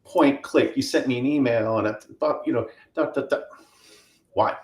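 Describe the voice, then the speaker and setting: A middle-aged man talking casually as a podcast guest, lively and full of ums, acting out quoted dialogue. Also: medium pitch, normal speed, reverberant. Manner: animated, acts out quoted dialogue with many fillers. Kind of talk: casual interview talk.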